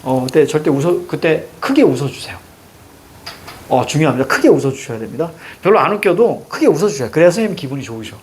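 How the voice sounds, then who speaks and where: A middle-aged man with a Seoul accent teaching a Korean language lesson, animated and joking with students, repeating cue words. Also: on the high side, fast, a little hiss or hum. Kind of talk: lively classroom lecture.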